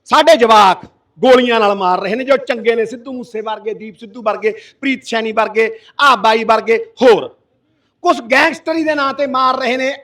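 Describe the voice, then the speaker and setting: A man's voice: extremely high pitch, moderate pace. A middle-aged man with a Punjabi accent, an activist giving a fiery, impassioned speech at a village protest sit-in. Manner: impassioned, forceful, roaring. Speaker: activist addressing a protest gathering. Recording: voice from far off the mic.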